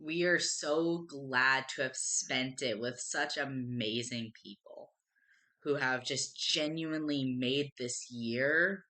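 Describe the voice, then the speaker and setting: A woman streamer talks casually to her chat, emotional and rambling. Her voice sits low yet sounds bright and edgy, and she often trips over her words and starts again. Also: slow. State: tearful at times. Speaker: streamer co-host.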